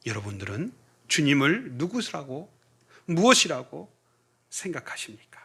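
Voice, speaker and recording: A middle-aged male pastor preaching a sermon, telling the story with lively acted-out dialogue. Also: on the high side, a little slow, creaky, husky. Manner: animated storytelling, acting out quoted voices. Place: church sanctuary.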